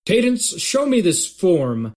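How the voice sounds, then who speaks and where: A man's voice: high-pitched, sing-song, slow pace, a little mellow, heavily acted. A man playing a fussy, hesitant dad. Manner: hesitant, with many uhs. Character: cautious, fussy family dad. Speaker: father.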